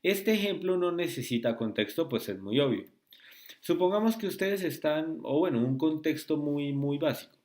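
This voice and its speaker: A man's voice: fairly high pitch, animated, a little mellow. Man tutoring logic, step by step. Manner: slow, repetitive, asks rhetorical checks. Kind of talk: screen-recorded video lesson.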